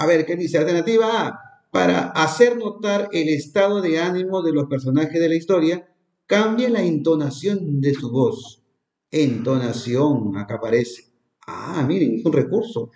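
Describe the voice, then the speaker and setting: A man leading an exam review lesson for teachers, asking questions and slowly repeating the key terms. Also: a little high, a little mellow. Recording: echoey room.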